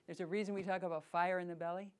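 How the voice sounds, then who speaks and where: A middle-aged woman leading a voice workshop, playful and lively, demonstrating sounds and asking her group questions. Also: fairly low pitch, rapid-fire, clear, resonant tone. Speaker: voice workshop teacher. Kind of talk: workshop teaching.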